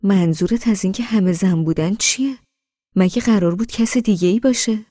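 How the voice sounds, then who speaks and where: A woman's voice: fairly low pitch, a little mellow, no echo, studio quality. A woman voicing a caring but headstrong young husband in a spoken story, firm and teasing in turn.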